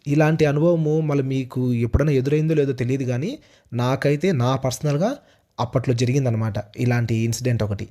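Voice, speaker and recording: A man's voice: mid-range voice, fairly even intonation, fast talker, dark tone. A young man narrating a personal ghost story in a casual, repetitive way with small restarts. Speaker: storyteller host.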